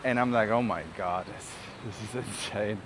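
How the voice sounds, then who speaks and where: On a walk through city streets, a German-accented man from Germany vlogs in a rambling, casual way full of informal asides. He talks with a fairly low pitch at a measured pace, against outdoor traffic noise.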